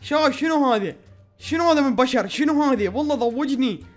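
A high-voiced man with an Iraqi accent narrating his gameplay at a rapid pace, excitable and full of repeated exclamations. Faint music runs behind him. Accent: Iraqi Arabic. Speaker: gaming channel host. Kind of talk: let's-play gameplay commentary.

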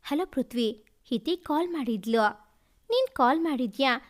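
A woman's voice: high-pitched, expressive, a little slow. A woman voicing a chatty young woman who is keeping a secret. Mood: secretive.

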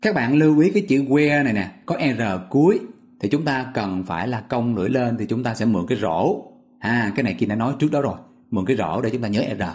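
Male teacher, mid-pitched, patient and repetitive, walks learners through each word. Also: lively intonation, fast talker, darkish tone. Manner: patient, repetitive, asks listeners questions. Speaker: English vocabulary teacher. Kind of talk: explaining memory tricks step by step.

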